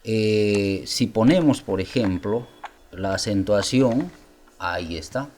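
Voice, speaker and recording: A man presenting a software tutorial, explaining step by step and asking viewers rhetorical questions. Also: lowish voice, lively intonation, slow pace, slight background noise. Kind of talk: screen-recorded software tutorial.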